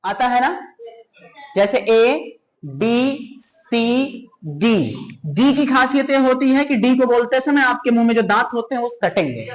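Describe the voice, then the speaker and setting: An informal pronunciation lesson from a teacher who calls the listeners children and repeats each sound over and over to show how it is made. The voice sits at a middling pitch. Teasing asides and mild scolding run through the explanations. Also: rough recording.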